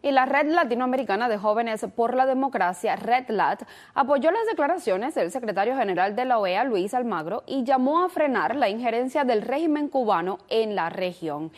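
A woman news anchor reading stories and introducing a reporter in a formal way. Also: a little high.

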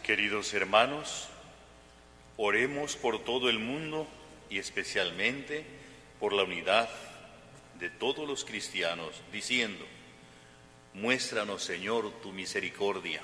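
Sacerdote con eco de catedral. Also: male voice, fairly low pitch, bright, forceful tone. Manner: solemn, measured preaching. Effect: cathedral echo. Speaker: priest. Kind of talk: homily and prayers at mass. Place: large church. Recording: long church reverb, faint hum.

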